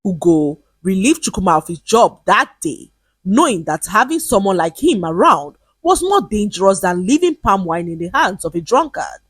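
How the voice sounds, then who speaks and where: Husky woman telling a folktale. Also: mid-range voice, moderate pace, no echo. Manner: lively, expressive storytelling. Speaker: storyteller. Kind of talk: folktale narration.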